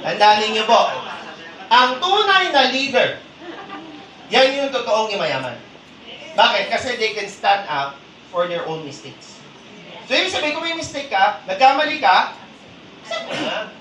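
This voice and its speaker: Lively, teasing man training a crowd. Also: high voice, measured pace, long pauses, slight background noise. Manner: teasing, animated, quizzes the audience. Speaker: seminar trainer. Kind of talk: live training seminar with call-and-response. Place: seminar hall with a live audience. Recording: echoey hall, distant mic, audience murmur.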